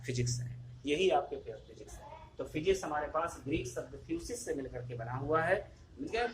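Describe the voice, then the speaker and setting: A man teaches physics in a recorded lesson, with a slightly high voice. He goes over each point several times and asks questions that he answers himself. There is a faint hiss of noise behind him. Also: fairly bright tone. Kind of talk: classroom lesson video.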